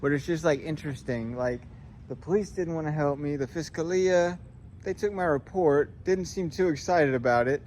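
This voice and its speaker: A man's voice: fairly high pitch, normal speed, a little mellow, slight background noise. A man vlogging on his phone outdoors in a city square, talking in an upset, rambling, repetitive way. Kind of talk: casual selfie vlog.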